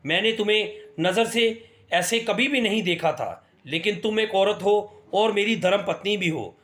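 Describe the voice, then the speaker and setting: A man's voice: high-pitched, a little slow, a bit bright, reverberant. A man voicing an angry, domineering young husband who talks in a harsh, scolding way in a spoken story. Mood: mocking.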